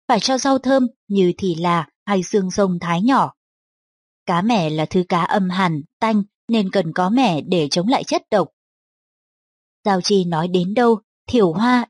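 A woman narrating a novel in a calm, steady audiobook reading. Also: medium pitch, slightly rough, dry recording.

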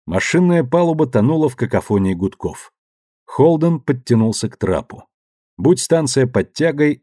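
Male audiobook narrator, measured, mellow husky voice, dry close sound. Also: mid-range voice, dry recording.

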